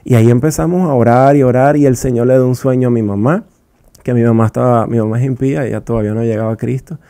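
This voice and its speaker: Brief: young man, radio guest sharing his testimony, low gravelly tone, dry studio sound, heartfelt with halting restarts. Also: fairly even intonation, dark tone, dry recording. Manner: earnest and emotional, with halting restarts.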